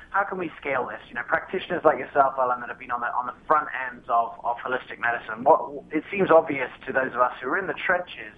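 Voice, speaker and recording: A man in his thirties from England talks through a thin, phone-like line, and a faint hiss sits under his voice. He speaks as a guest in a casual interview. His talk is hesitant and full of fillers and restarts. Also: mid-range voice.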